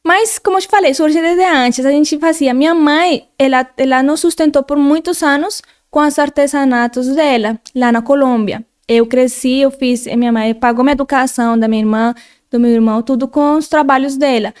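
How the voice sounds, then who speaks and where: Speaking at normal speed with a steady tone, this Colombian guest has a high-pitched, darkish voice and a Spanish accent. She's earnest in the casual interview chat, restarting her phrases often.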